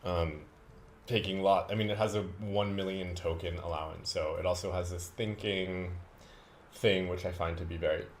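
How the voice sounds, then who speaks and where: A man chatting casually and unscripted for a vlog, rambling and halting, with self-deprecating asides. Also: low-pitched, slight background noise. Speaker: vlogger.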